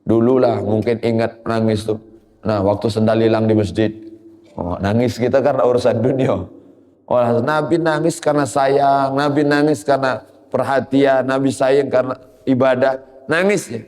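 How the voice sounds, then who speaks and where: A man's voice: medium pitch, steady tone, normal speed, darkish tone, long reverb tail. A man giving an Islamic sermon, moving between quoted Arabic and explanation with rising emphasis. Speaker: preacher.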